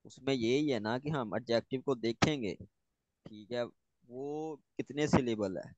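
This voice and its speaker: A man's voice: mid-range voice, measured pace, a little mellow, no echo, dull audio. A man, a student thinking aloud and asking a teacher questions about grammar. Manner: hesitant, thinks aloud, restarts.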